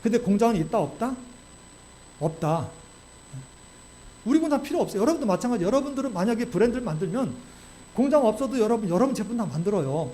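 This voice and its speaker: A male pastor delivers a sermon at a brisk clip, his voice sitting high yet mellow in tone. He talks in an animated way and keeps throwing rhetorical questions to the congregation. A faint hiss runs under his voice. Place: church sanctuary.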